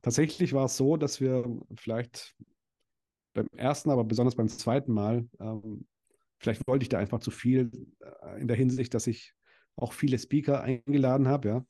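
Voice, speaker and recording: A young adult man, a guest on a podcast who owns a dental practice and organizes events, chats casually in an interview, with many fillers and restarts. His medium-pitched voice has a dark tone, fairly even intonation, and normal speed.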